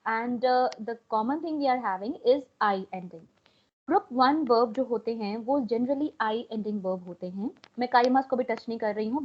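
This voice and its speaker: A young woman with an Indian accent teaches an online language class, mixing Hindi and English and coaxing her students to answer. Her voice is on the high side, with slight background noise and dull, lo-fi call audio.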